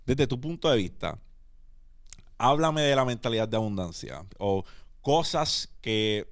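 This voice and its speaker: Puerto Rican man hosting a podcast. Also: mid-range voice. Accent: Puerto Rican Spanish. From Puerto Rico. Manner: energetic, mixes English words into Spanish. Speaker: podcast host. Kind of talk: casual podcast conversation.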